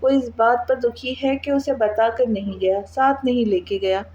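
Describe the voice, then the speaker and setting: A woman's voice: on the high side, fairly even intonation, moderate pace, darkish tone, dull audio, lightly acted. A woman voicing a protective young man in a read-aloud novel, firm and reassuring.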